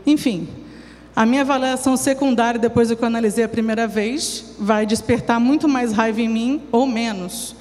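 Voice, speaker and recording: A woman's voice: on the high side, fairly even intonation, moderate pace, a little mellow. A woman giving a talk at a church recovery program, explaining in a conversational way with everyday examples. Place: church hall. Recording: long hall reverb, faint hum.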